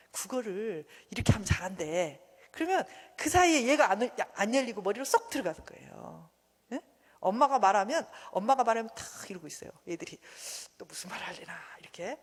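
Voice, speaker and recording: A woman's voice: medium pitch, husky. A woman giving a church seminar lecture, talking animatedly and acting out bits of dialogue. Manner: animated, acts out quoted dialogue. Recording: long hall reverb.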